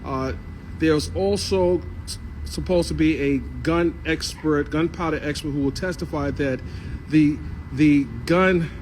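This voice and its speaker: Higher-voiced man reporting haltingly. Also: darkish tone, slight background noise. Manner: hesitant, self-correcting. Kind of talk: casual spoken report.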